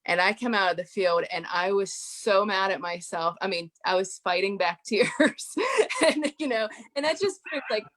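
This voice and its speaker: A woman's voice: mid-range voice, normal speed, fairly bright tone. A woman guest on an interview show, telling stories in a chatty way with many "you know" fillers. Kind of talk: casual podcast interview.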